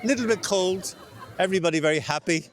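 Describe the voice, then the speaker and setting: A man's voice: high-pitched, fast, over a noisy crowd, very noisy. A man, an event organiser, giving a casual on-location interview in short clipped phrases.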